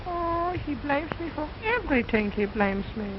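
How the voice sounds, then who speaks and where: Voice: high-pitched, animated, moderate pace. A performer voicing a cheeky, boastful wooden boy dummy in an old ventriloquist stage act, wisecracking in broken English. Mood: whiny. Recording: muffled old film soundtrack, loud noise.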